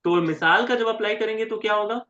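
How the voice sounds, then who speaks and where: A man teaching grammar in a lecture, spelling out syllables slowly and often checking with his students whether they follow. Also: high voice, bright, forceful tone. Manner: keeps checking with "right?" and quizzing students. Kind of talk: classroom lecture. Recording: roomy and dull, lo-fi.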